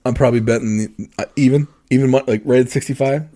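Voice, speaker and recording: Blunt husky man in his forties. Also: mid-range voice, fairly even intonation, fast talker, mellow. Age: 40s. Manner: blunt, profane, rambling. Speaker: podcast co-host. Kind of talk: casual podcast chat.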